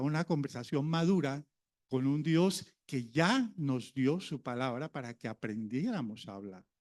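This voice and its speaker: A pastor preaching in a conversational tone. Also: male voice, fairly high pitch, a little mellow. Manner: conversational preaching, asks the congregation questions. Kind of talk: sermon.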